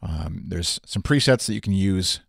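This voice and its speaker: Speaking at a normal pace, a young man with a bassy, slightly rough voice and some vocal fry presents a casual screen-recorded software tutorial. He's relaxed and uses lots of fillers, recorded echo-free on a studio mic through a USB interface.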